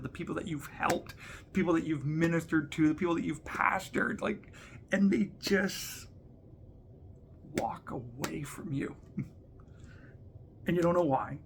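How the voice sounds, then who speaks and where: A man's voice: a little high, slight background noise. A man talking in an earnest, conversational vlog, reading verses aloud with emphasis and often asking "right?". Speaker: leader sharing personal reflections. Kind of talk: casual reflective vlog talk with scripture reading.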